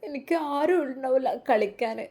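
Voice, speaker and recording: A small girl begging her father, as a woman storyteller puts her on, in a high, whiny, childlike voice. She pleads insistently in a storybook tale. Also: normal speed, dark tone. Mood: pleading.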